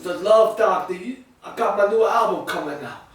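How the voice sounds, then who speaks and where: A man's voice: high voice, moderate pace, close to an everyday voice. A man in improvised sitcom acting, playing a swaggering young husband and would-be rapper who talks in street slang. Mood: cocky. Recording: roomy, distant mic.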